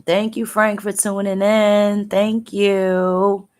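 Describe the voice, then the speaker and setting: A tearful mother talking to viewers on a livestream, halting and repeating herself as she speaks, upset and angry. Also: mid-range voice, flat delivery, a little mellow. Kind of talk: emotional live-stream talk.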